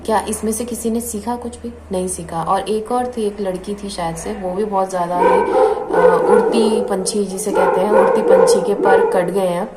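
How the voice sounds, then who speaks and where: A woman's voice: mid-range voice, steady tone, moderate pace. Indignant woman vlogger in an echoey room. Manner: earnest, indignant, repeats "basically" often. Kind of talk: opinionated commentary vlog. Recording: echoey room with clear background noise.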